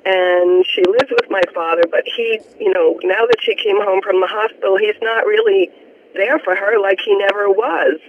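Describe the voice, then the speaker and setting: A woman's voice: mid-range voice, fairly even intonation, moderate pace. A woman from Florida calling in to a radio show over the telephone, talking earnestly and at length about her personal troubles. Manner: earnest, rambling, open about family troubles. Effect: heard over a telephone line on a radio show. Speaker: radio call-in caller. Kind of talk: personal phone-in conversation. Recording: tinny phone line with faint hiss.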